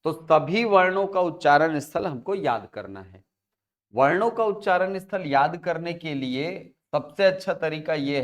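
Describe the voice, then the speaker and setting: A man teaching an exam-prep class, explaining step by step and asking and answering his own questions, with a Chhattisgarh Hindi accent. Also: a little high. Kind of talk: classroom lecture.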